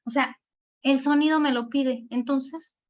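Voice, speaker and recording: A woman with a Mexican accent teaching a spelling lesson, explaining patiently and drawing out words slowly to show the stress. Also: high voice, fairly even intonation. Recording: dull lo-fi recording.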